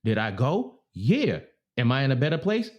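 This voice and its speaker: A man's voice: medium pitch, moderate pace, muffled recording. A man in his thirties co-hosting a podcast, arguing emphatically and with swearing in casual debate. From Baltimore area. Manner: emphatic, animated, profane, repeats himself. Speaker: podcast co-host.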